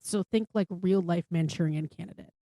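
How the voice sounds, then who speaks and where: A woman's voice: lowish voice, brisk, dark tone, dry recording. A woman co-hosting a podcast in casual chat, swearing freely and saying "like" a lot. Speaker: podcast co-host.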